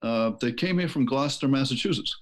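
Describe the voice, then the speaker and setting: A middle-aged man from Maine talks as an author guest in a relaxed interview. He rambles through long stories and stops often for fillers and restarts. His voice sits at an ordinary middle pitch. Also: fairly quick. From Maine, USA. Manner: rambling, hesitant with many fillers. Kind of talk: casual interview.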